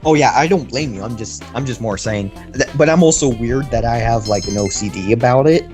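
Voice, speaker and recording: A man co-hosting a let's play, chatting casually in a halting, agreeable, self-deprecating way. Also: mid-range voice, a little mellow, soft background music. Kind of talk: casual gameplay chat.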